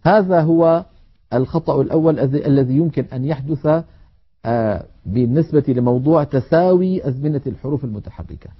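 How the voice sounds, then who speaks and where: A man teaching Quran recitation in a televised lesson, explaining in a measured way and chanting example words slowly. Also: mid-range voice, husky, highs cut off.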